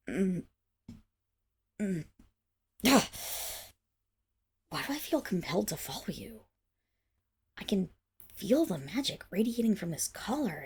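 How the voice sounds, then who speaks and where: A fairly low, husky, somewhat mellow voice, exaggerated for the role, belongs to a woman portraying a haughty, indignant wolf monstergirl of noble birth. In this dramatic ASMR roleplay she addresses the listener disdainfully, with a grudging, wary mood.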